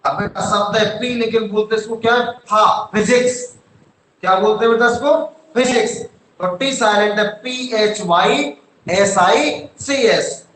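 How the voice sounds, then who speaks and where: A male teacher talks very slowly in a strikingly high voice. He spells each word out letter by letter, patiently, like he's dictating to a class. The sound echoes as if he's in a bare room. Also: fairly bright tone, slight background noise. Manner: slow, spells words letter by letter, calls students "beta". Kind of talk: online class lesson.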